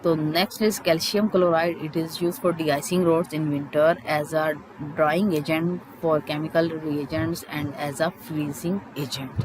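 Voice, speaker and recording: A chemistry teacher explains textbook points in a halting way, repeating key terms as in a school lesson. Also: medium pitch, fairly even intonation, noisy background.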